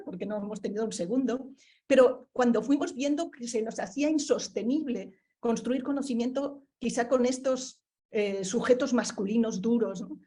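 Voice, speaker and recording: Speaking at a book presentation, this Barcelona-born panelist has a mellow, fairly high-pitched voice. She's reflective, hunting for the right words, with plenty of fillers and tag questions along the way.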